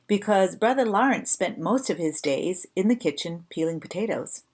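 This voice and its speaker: A woman with a fairly low voice leads a slow breath prayer devotional. Her delivery is gentle and measured, and her phrases often end softly and breathily. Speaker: prayer leader.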